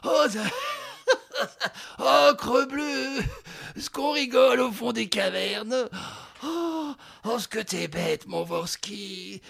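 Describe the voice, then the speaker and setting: A mischievous old druid who stammers, cackles and taunts in a high, creaky, husky voice that leaps all over the place. He drawls slowly, savoring every jibe, like a trickster enjoying himself in a radio play. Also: sing-song, full character voice. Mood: mocking. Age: older. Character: mocking old male druid, gleeful trickster. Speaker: radio drama actor. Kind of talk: theatrical radio play acting.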